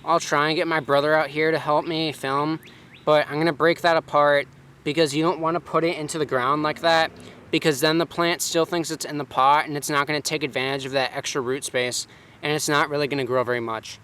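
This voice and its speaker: Speaking fairly quickly in a flat, pushed, bright voice that's a touch high, a man vlogs casually outdoors in his home garden. He films himself on a handheld camera and rambles with lots of fillers, and faint hiss or hum can be heard.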